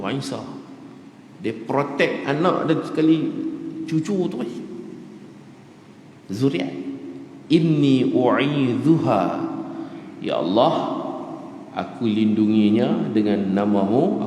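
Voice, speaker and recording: A man with a northern Malaysian Malay accent giving a dawn lecture in a mosque, chatty and joking, slowing down to recite Arabic verses. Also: fairly low pitch, dark tone, slight background noise. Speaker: religious teacher. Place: mosque prayer hall. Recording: echoey mosque hall with faint ambience.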